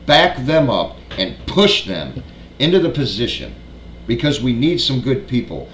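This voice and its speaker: A man with a lowish voice reads news aloud, then cuts in with blunt, scornful remarks and free swearing. His voice carries a roomy echo, with faint ambience underneath. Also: a little hiss or hum. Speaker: prepper channel host.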